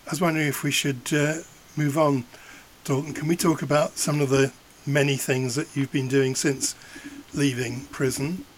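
Gentle male interviewer. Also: medium pitch, fairly even intonation, moderate pace, a little hiss or hum. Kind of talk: interview questions.

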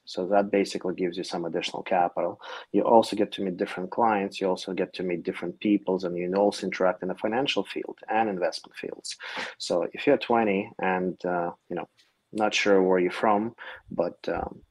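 Deep husky man giving advice. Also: a little mellow. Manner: earnest, advising, some slips of grammar. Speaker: guest. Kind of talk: giving advice on a video call.

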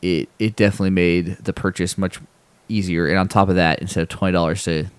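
A man in a casual podcast chat, telling a relaxed, rambling story with fillers and restarts and acting out other people's lines. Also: deep voice, fast talker, clear, resonant tone, no echo. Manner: acts out people's lines in a raised voice when telling stories. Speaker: podcast host.

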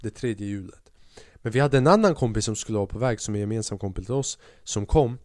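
A man's voice: fairly low pitch, expressive, darkish tone, no room sound, clean studio sound. A man hosting a podcast who tells a comic story in a casual, slangy style, often swearing. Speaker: podcast host.

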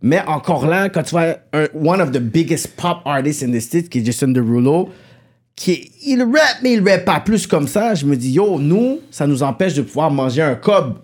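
A man's voice: fairly high pitch, lively intonation, normal speed, darkish tone. A young man with a Québécois French accent hosting a casual podcast chat, talking animatedly and mixing in English slang. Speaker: podcast host interviewing a rapper.

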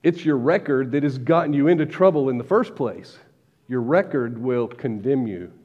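A man preaching a sermon as pastor, measured, slowing down to stress key words. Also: mid-range voice, lively intonation. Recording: dull lo-fi recording with long hall reverb.

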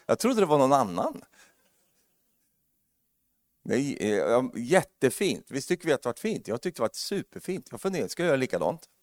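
A man preaching a lively sermon, joking with the congregation and building to loud, emphatic preaching. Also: mid-range voice, long pauses, no echo, studio quality.

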